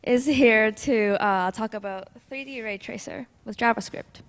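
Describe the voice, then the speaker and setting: Fairly high-voiced female event host. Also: measured pace. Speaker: event host introducing a speaker. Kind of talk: informal live introduction.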